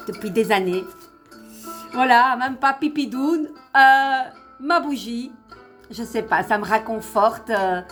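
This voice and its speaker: A woman with a slight lisp doing a casual tarot reading for her followers, chatty and encouraging, repeating phrases for emphasis. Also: on the high side. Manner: lisps, tripping over words when pleased. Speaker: online tarot card reader and host. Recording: music playing behind the voice. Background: instrumental music.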